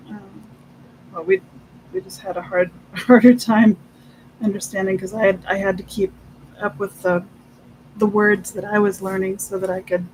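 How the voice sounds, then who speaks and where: A person chatting casually and haltingly, trailing off mid-thought and switching between English and Spanish. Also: medium pitch, a little hiss or hum, low-quality recording. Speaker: livestream host of an inking session. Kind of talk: casual chat.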